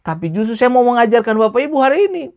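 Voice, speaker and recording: A middle-aged man preaching a sermon in a lively, colloquial way, addressing the congregation directly. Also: extremely high pitch, racing. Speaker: pastor.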